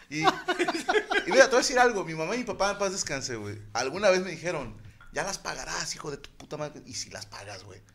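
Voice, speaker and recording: Against a noisy background, a podcast co-host with a Mexican Spanish accent tells a profane story through laughter while chatting casually with friends. His voice is fairly high-pitched and creaky.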